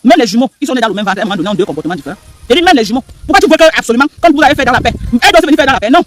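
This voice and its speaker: A man's voice: very high-pitched, lively intonation, rapid-fire, a bit bright, slight background noise. A man giving heated live-stream commentary, repeating himself and firing rhetorical questions at the audience. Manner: emphatic, repetitive, rhetorical questions to viewers.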